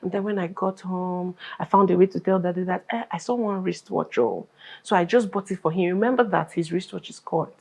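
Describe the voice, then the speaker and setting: A Nigerian woman who directs a school, answering interview questions as an animated storyteller who acts out dialogue and laughs often. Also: on the low side, brisk, few pauses.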